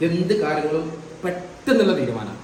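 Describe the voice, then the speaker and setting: A woman's voice: sits low, very animated, fairly quick, mellow. A woman, chatting casually in a family vlog, laughing often as she talks to her children. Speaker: vlogger, mother. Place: family home, indoors. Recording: noisy home phone recording.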